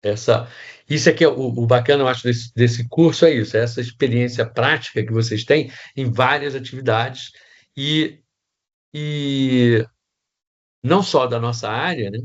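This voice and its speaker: A man's voice: medium pitch, normal speed, highs cut off. A man with a Brazilian Portuguese accent teaching set design in a casual online class, rambling with restarts and many tag questions.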